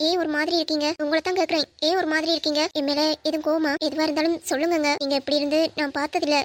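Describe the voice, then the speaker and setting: A woman's voice: sits high, little pitch movement, rapid-fire, slight background noise, natural voice. A woman voicing a meek, devoted young wife in a cartoon, pleading and apologetic. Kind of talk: cartoon voice acting.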